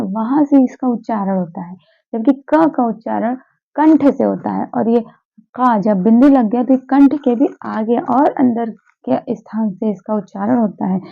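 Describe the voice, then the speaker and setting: A woman teacher gives a patient Hindi pronunciation lesson, repeating sounds and answering her own questions. Her voice is a little high and creaky at a normal speed, and the recording sounds tinny, like a phone.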